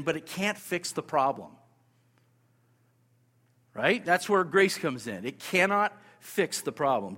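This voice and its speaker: A man delivering a sermon in a church sanctuary, his fairly high voice ringing out with a long reverb. He talks emphatically, repeats his key points and throws rhetorical questions at the congregation. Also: a bit bright. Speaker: pastor.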